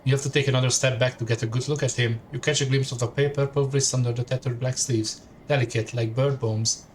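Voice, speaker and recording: A man's voice: mid-range voice, steady tone, quick pace, a little hiss or hum. A man streaming a story game, reading the text aloud in second person and adding casual asides.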